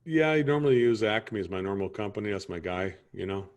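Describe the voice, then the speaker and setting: Low man, rambling homeowner in a sales role-play, keeps checking you follow. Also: expressive, fast. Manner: rambling, keeps asking "you see what I'm saying". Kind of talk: improvised training role-play.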